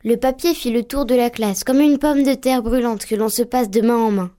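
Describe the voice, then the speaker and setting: A woman storyteller telling a tale with lively, vivid delivery. Her voice sits a little high. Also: normal speed. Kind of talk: storytelling narration.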